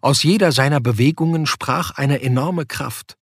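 A man reading a novel aloud as narrator, with expressive storytelling. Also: mid-range voice, moderate pace, breathy edge, no echo, clean studio sound. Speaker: audiobook narrator. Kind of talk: scripted narration.

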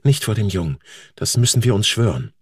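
A man's voice: on the low side, very animated, brisk, breathy edge, no echo, studio quality, exaggerated voice. A man voicing a wife who admits she no longer wants to stay, speaking in a restrained, pleading way. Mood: urgent hush.

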